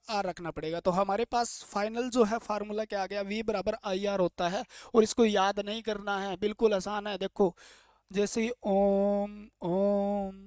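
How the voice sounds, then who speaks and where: A male teacher lectures in a casual, jokey way, firing off questions and then answering them himself. His voice sits at an ordinary middle pitch. The sound is dry and close, with no room echo. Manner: asks questions and answers them himself, drilling key points; plain, chatty and jokey explaining. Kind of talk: classroom lecture.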